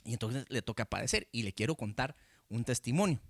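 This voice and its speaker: A man's voice: medium pitch, animated, a little fast, vocal fry, dry recording. Costa rican pastor guy preaching into a handheld mic, chatty, keeps saying verdad, dry sound. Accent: Costa Rican Spanish. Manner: conversational, often tags phrases with "¿verdad?". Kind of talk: teaching sermon. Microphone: handheld microphone facing a camera.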